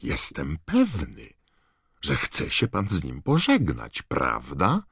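A man's voice: very deep voice, huge pitch swings, slow, no room sound, clean studio sound, heavily acted. A man voicing a polite, kindly middle-aged wizard father, speaking courteously. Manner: courteous, gently persuasive.

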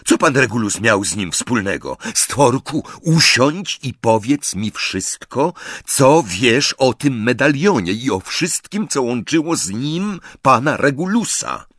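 A man's voice: medium pitch, big pitch swings, slow, slightly rough, no echo, clean studio sound, voice pushed up, full character voice. A man reading aloud who voices a stern, commanding teenage boy wizard. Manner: sharp, commanding.

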